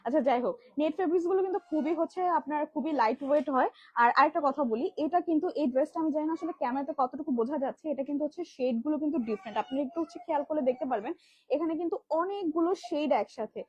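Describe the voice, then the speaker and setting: A woman from Bangladesh hosting a live stream, showing children's dresses in rapid, filler-heavy sales patter. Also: high voice, a little mellow. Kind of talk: live product demo selling kids' dresses. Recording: dull lo-fi livestream audio.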